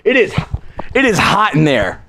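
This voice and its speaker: A man co-hosting a casual game watch-along stream, his voice muffled as if inside a fishbowl while talking from inside a football helmet, hyped and excitable. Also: high-pitched, measured pace, vocal fry, a little hiss or hum. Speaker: livestream co-host.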